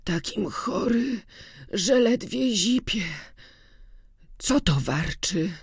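A narrator voicing an old, sick farmhand who speaks feebly and slowly, with weary sighs, in an audiobook. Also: medium pitch, animated, breathy edge, dry recording, studio quality, pitched above the performer's own voice, exaggerated voice. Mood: feverish. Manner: slow, sighing, feeble speech. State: feverish and weak. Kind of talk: audiobook reading.

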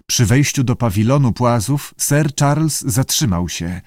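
Male audiobook narrator, measured, lively intonation, dry close sound. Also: mid-range voice, no echo. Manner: steady, measured. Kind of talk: audiobook reading.

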